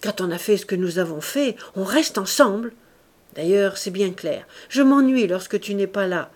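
Voicing a domineering young woman from a classic novel's audiobook, the reader sounds imperious and threatening and raises her voice. Her mid-range delivery is animated and lightly acted, at a normal speed.

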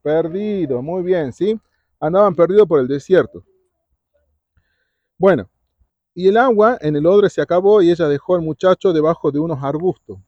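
A man's voice: on the high side, normal speed, pauses often, dry recording. A man giving a Bible talk to preteens at a retreat, often quizzing his listeners and tagging his lines with "¿sí?". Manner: keeps asking the audience questions, tags lines with "¿sí?". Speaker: youth retreat speaker. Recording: dull lo-fi recording.

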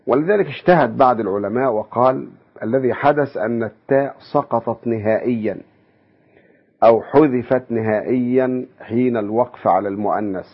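A man giving an academic lecture, measured and explanatory, posing rhetorical questions to his listeners. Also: medium pitch, husky. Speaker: university lecturer. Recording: dull lo-fi radio broadcast.

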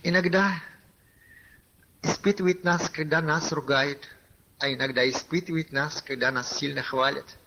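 A man's voice: a little high, fairly even intonation, moderate pace, sharp tone. A man preaching a conversational sermon, telling a personal story and addressing his listeners as brothers, with many filler words. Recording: lo-fi archival tape recording.

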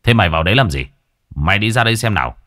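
A man's voice: lowish voice, expressive, racing, pushed and bright. A man voicing an angry male villager who barks threats at intruders. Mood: threatening. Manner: barking, threatening.

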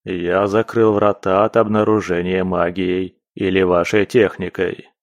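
A man playing an ancient spirit dwelling in a hero's mind, speaking low and even. It explains things in a calm, matter-of-fact tone, as in an audiobook. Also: unhurried, dry recording, highs cut off. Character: ancient male system spirit inside a hero's head.

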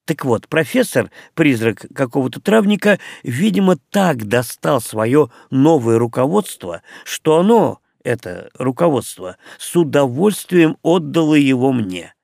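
A man's voice: medium pitch, very animated, measured pace, vocal fry, hardly any pauses, darkish tone, no room sound, studio quality, exaggerated voice. A man voicing a cheerful, joking young male doctor in an audiobook. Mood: breezy.

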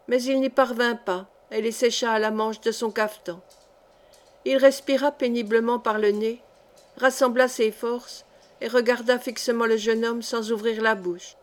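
Higher-voiced woman reading a story. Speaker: audiobook reader. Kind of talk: literary narration.

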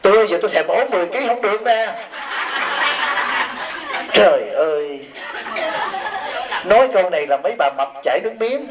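A man's voice: high voice, lively intonation, normal speed, long pauses, a crowd in the background, background noise. A man, a Buddhist monk giving a humorous sermon, reading out questions and teasing his audience with rhetorical questions.

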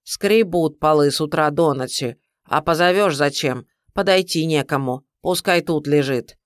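A gruff older housekeeper woman answers in clipped, blunt phrases, as a male reader puts her on. She grumbles rather than comforts, in a storybook. The voice is close and dry. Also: a little high, normal speed, no echo, close to an everyday voice. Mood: curt. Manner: curt, plain-spoken.

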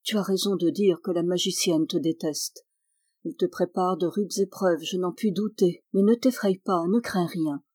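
A woman voicing a gentle, wise young sorceress who calmly reassures her brother, in a slightly breathy voice. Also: fairly low pitch, normal speed, no room sound. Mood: reassuring.

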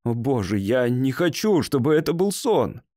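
A man's voice: medium pitch, very animated, moderate pace, dark tone, no room sound, clean studio sound, natural voice. A man voicing an emotional grown man who is shaken at seeing his childhood self, his voice pleading. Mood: anguished.

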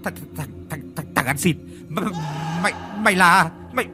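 A man voicing a coarse old rich man in a horror story, who shouts, curses and stammers in fright. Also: on the high side, sing-song, normal speed, music in the background. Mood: stammering, terrified.

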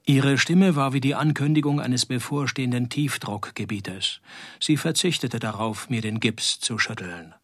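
Guy playing tired noir detective, radio drama, dry deadpan wisecracks, average pitch, no room sound. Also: normal speed, dry recording, close to an everyday voice. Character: wisecracking, world-weary male private detective.

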